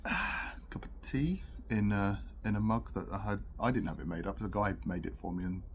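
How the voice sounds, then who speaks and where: This British man's voice is on the low side and a little fast as he offers a relaxed review to camera. He speaks between puffs on a pipe, and the audio is noisy because it was picked up by the camera's own mic rather than a separate one.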